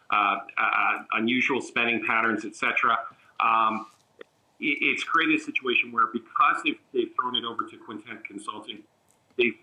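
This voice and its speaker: Bright-voiced male political analyst. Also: medium pitch, rough recording. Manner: measured, frequent uh fillers and restarts. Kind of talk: remote news interview.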